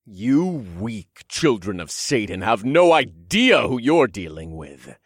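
Man playing a stone warrior, arrogant, booming, pompous, scornful, dry close sound. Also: big pitch swings, slow pace, breathy edge, no room sound, exaggerated voice.

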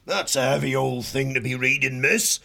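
A man's voice: mid-range voice, moderate pace, vocal fry, pushed and bright, voice pushed up. A man voicing a big, good-natured male otter cook with a rustic homely dialect. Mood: hearty.

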